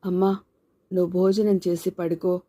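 A woman voicing a quiet, troubled grown son who speaks softly and slowly, in an audiobook story. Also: lowish voice, little pitch movement, lightly acted. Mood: subdued. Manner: soft, slow, subdued.

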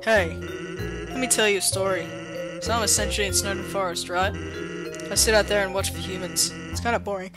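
Man reading a lazy joking skeleton sentry, easygoing drawl, highish voice, game music underneath. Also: fairly even intonation, fairly quick, lightly acted. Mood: musing. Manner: easygoing, drawling joke-teller. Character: laid-back male skeleton sentry, joking. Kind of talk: reading game dialogue aloud.

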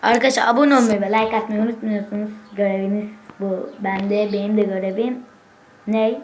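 A woman hosting a gaming channel, chatting casually to viewers from a room at home, excitable and swearing as she gets frustrated. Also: mid-range voice, brisk, slight background noise. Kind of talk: casual gameplay commentary.

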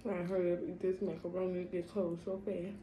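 A woman's voice: lowish voice, little pitch movement, normal speed, mellow. A woman vlogger talking casually while chewing her food during a mukbang. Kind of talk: casual chat while eating. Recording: echoey room with faint noise.

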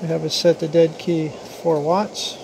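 At normal speed and with a fairly high voice, an American radio hobbyist presents a product in a casual, matter-of-fact way, using short, plain phrases. He sits at a radio bench in a small room. Recorded on a handheld camera or phone mic, the sound is clear, though a steady hiss and hum runs behind it.

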